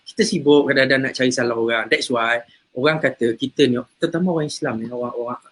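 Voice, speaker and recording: A man with a husky, slightly breathy voice at an ordinary middle pitch. He talks easily about faith and character, slipping into stories and repeating words as he thinks. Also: fairly even intonation, fast talker, a bit bright. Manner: chatty storyteller, repeats words. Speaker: religious teacher and host. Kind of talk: casual talk on faith and character.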